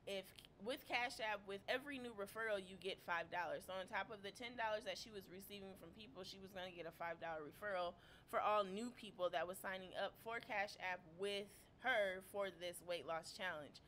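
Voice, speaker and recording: A woman's voice: mid-range voice, fairly quick, hardly any pauses, a bit bright, slight background noise. Chatty woman hosting a live stream. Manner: chatty, greets viewers, fillers like um. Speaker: YouTube commentary host. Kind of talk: casual live-stream commentary.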